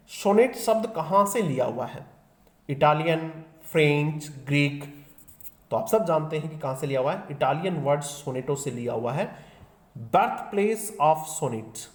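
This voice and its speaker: An Indian-accented male teacher works through exam questions in a brisk, repetitive drilling manner, switching between languages for key terms. His voice sits fairly high for a man. The recording has a noticeable room echo. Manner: explains in Hindi mixed with English terms, drilling answers. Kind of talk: exam prep lesson.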